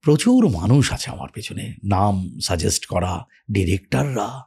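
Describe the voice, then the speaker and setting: A man tells stories in a relaxed interview, reminiscing about his career. His voice sits at a middle pitch with a husky edge, and he acts out the lines he quotes. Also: measured pace. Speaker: actor as podcast guest. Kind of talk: casual storytelling interview.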